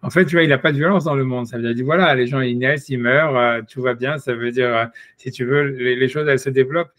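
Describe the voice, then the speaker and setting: A man's voice: mid-range voice, fairly even intonation, fast, fairly bright tone, no room sound. A man giving a rambling, casual Torah discussion, full of restarts and asides to his listener. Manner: rambling, many restarts and "tu vois". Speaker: Torah teacher.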